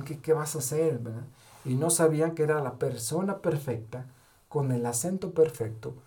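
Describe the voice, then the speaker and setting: A man's voice: medium pitch, mellow. A man giving a motivational talk, telling stories with short quoted lines and tagging many sentences with a question. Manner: keeps adding the tag question "¿verdad?"; storytelling with short quoted dialogue. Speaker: motivational speaker.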